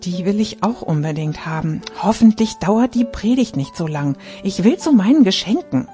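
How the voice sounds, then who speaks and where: A woman's voice: mid-range voice, animated, moderate pace, dark tone, soft background music, lightly acted. A woman reading the inner thoughts of an eager young girl in a storybook.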